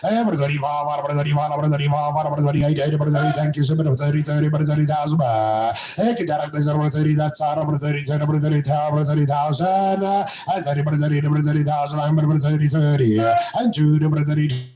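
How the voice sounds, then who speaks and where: Auctioneer chanting bids over crowd. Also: male voice, fairly high pitch, level tone, rapid-fire, few pauses. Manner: rhythmic chant of repeated bids, switching languages. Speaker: livestock auctioneer. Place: cattle sale ring. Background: crowd of buyers.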